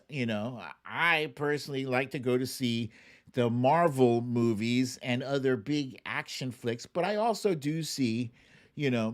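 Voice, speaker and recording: A man with a medium-pitched voice hosts a livestream show, giving casual commentary. He talks in a halting, conversational way, pausing often and stressing words emphatically.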